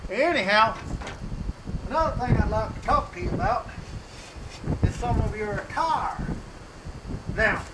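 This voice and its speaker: Middle-aged man, high-pitched rural drawl, deadpan comic monologue, outdoor mic with wind noise. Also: unhurried, long pauses. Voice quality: slightly hoarse. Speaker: comedic hunting show host.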